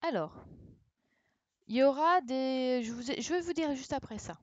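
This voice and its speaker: A woman streams a primary class from home, patiently correcting the children, encouraging them and repeating each answer slowly for them. Her high, slightly mellow voice has lively intonation at a normal speed, and the computer-mic sound is dull but echo-free.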